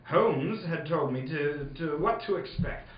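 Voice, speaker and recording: A man's voice: a little high, animated, a little slow. A man playing an eager, goofy doctor sidekick with a silly earnestness in a comedic live radio play. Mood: eager, earnest. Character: eager, goofy doctor sidekick, Holmes's loyal friend Watson. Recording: echoey live hall, dull, audience noise.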